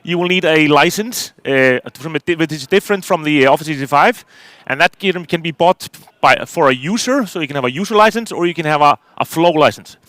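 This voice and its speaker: A man's voice: fairly high pitch, brisk, a bit bright, dry recording. A middle-aged man from Iceland, giving a technical conference talk from a stage, hesitant with many fillers and restarts. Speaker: conference speaker.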